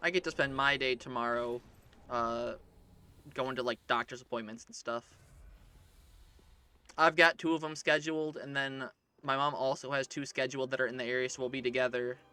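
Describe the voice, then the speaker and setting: A man's voice: mid-range voice, fairly even intonation, normal speed, sharp tone, clear, resonant tone. A man chatting casually while playing a video game with a friend, easygoing and agreeable. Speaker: gaming co-host.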